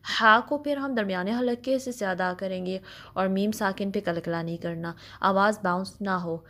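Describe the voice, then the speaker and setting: A woman teaching Quran recitation, patiently explaining each letter with slow spoken examples and mixing English words into her explanations. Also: medium pitch, gravelly, a bit bright. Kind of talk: step-by-step recitation lesson.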